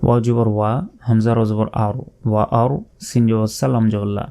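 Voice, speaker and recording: A man with a mellow, dark voice teaches Quran recitation, breaking each word into its letters and vowel marks. He drills slowly and patiently, pointing out where learners usually go wrong. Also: lowish voice, level tone, clean tone. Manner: slow, letter-by-letter drilling and correcting common mistakes. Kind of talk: spelled-out Quran pronunciation lesson.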